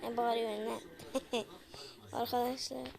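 A woman's voice: a little high, little pitch movement, a little slow, creaky. A woman hosting a horror game let's play, talking to her viewers and crying out whenever the game startles her. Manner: jumpy, cries out when startled, keeps addressing viewers. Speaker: gaming channel host.

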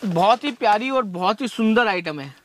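High-voiced man giving a pushy sales pitch. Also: expressive, moderate pace, fairly bright tone, a little hiss or hum. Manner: pushy, repeats prices over and over. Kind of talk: sales pitch in his shop.

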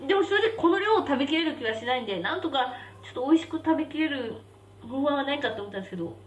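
Chatty young woman with a lively voice. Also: sits high, rapid-fire. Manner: chatty, reacting aloud to spicy food, reads viewer comments. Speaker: live-stream host. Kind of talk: casual live-stream chat while eating. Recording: roomy, slightly distant mic with faint background hum.

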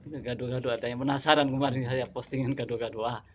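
A man's voice: mid-range voice, fairly even intonation, quick pace. A middle-aged man chatting casually to his phone as a vlogger, repeating phrases and exclaiming often. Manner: repeats phrases, many exclamations and religious thanks. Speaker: vlogger hosting a lunch video. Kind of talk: casual selfie vlog chat. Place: small indoor room. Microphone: phone at arm's length. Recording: muffled, noisy handheld phone recording.

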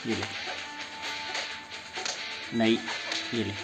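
An excitable man talks through a fighting game as he plays, yelping and groaning at each hit. His delivery is unhurried between the outbursts, with his natural pitch sitting at a middle level. Loud game music plays behind him the whole time. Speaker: gaming YouTuber. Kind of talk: live gameplay commentary.

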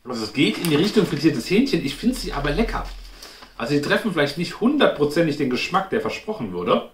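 A food review host sits indoors at home in front of a glass cabinet, casually chatting and thinking aloud through a snack taste-test. His voice is a little high, with big pitch swings and a quick pace. The recording has a roomy echo and clear background noise.

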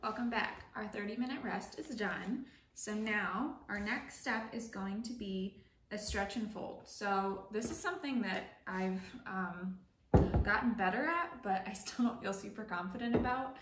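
Working in her echoey, slightly noisy kitchen, a young woman hosts a laid-back home baking tutorial for her channel, talking through every step in a friendly way. Her mid-range voice has a fairly bright tone and a measured pace.

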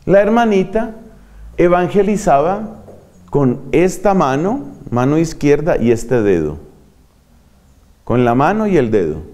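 An older man, a friar preaching a sermon in an animated, dramatic way that acts out examples. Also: a little high, a little slow, pauses often. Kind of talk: sermon to religious.

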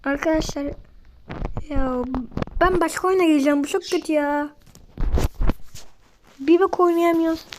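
High-voiced, excitable sick woman gamer. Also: normal speed, pauses often, a little hiss or hum. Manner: excitable, blurts slangy exclamations at the game. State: sick, coughing. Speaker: gaming video maker. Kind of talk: casual gameplay commentary.

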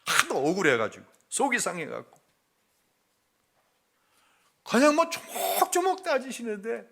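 A middle-aged male pastor telling a personal family story in a sermon, moving between hushed confession and loud acted-out quotes. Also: sits high, wildly swooping pitch, unhurried, vocal fry.

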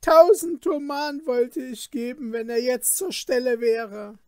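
A man doing a shrill, frightened merchant. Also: lively intonation, takes it slowly, darkish tone, no room sound, clean studio sound, heavily acted. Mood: panicked. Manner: high, pleading and shaken. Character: frightened lying male merchant.

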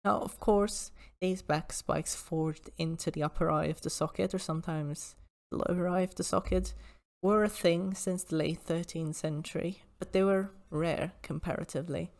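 A woman presenting an informal history lecture in a measured, precise, explanatory way. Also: on the low side, steady tone, gravelly, darkish tone.

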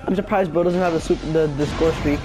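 A man chatting excitedly with friends during a game as a hyped, slangy gamer bro. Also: on the high side, fast talker, a loud crowd, heavy background noise. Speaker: gamer playing a multiplayer horror game. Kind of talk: casual excited gaming chat with friends.

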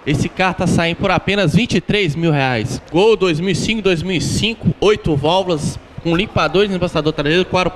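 A man's voice: high-pitched, fairly quick, hardly any pauses. A young Brazilian man selling used cars into a handheld mic, steadily listing models, years and prices. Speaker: car dealer consultant. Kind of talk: sales pitch. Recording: noisy outdoor TV audio.

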